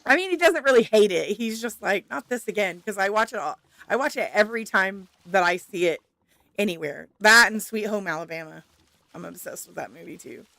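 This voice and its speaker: A woman's voice: mid-range voice, expressive, fairly quick, vocal fry, fairly bright tone, no echo. A woman streamer chatting casually with viewers while playing a game, laughing often. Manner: chatty and giggly, answering viewers. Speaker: gaming streamer.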